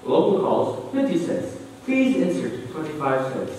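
Guy doing a pay phone machine voice, spliced together words all choppy, jumpy pitch, echoey far off hall sound. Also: big pitch swings, unhurried, a little mellow. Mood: stubborn. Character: male automated pay phone recording, stubborn, mocking. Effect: choppy spliced-together recorded prompts, words jumping in pitch.

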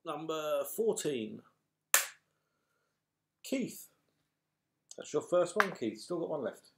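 A middle-aged British man plays bingo caller for a raffle, announcing numbers and names to the players with a chatty, matey, apologetic air. He speaks slowly in a fairly high voice with big pitch swings. It's recorded indoors in a small furnished room at home on a noisy webcam, with clatter.

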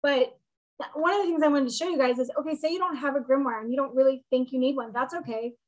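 A woman with a high, light voice teaches a small group over a video call. She explains things in a relaxed, casual way and slips in the odd joke. She is talking from a room at home. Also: quick pace, rough recording. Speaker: witchcraft teacher hosting a meetup.

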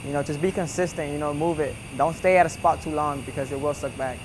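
A man's voice: on the high side, steady tone, fast, noisy background. A young man giving a casual, rambling welding lesson, full of "you know" and "like". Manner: laid-back, rambling, many fillers like "you know" and "like". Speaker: welding instructor. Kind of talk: casual instructional voice-over.

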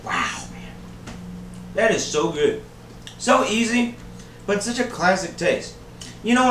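A high-pitched, somewhat bright-voiced man in his thirties hosts a laid-back cooking show in his home kitchen, teasing viewers and calling them baby and buddy. He's recorded on a camera mic from a few feet back, with the roomy kitchen carrying music and slight background noise.

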